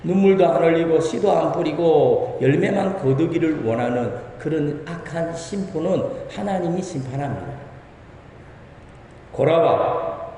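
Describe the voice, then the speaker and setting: A man's voice: a little high, a little slow, mellow, slight background noise. A man preaching a Sunday sermon as a pastor, asking the congregation questions and acting out quoted voices. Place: church sanctuary. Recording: echoey church hall.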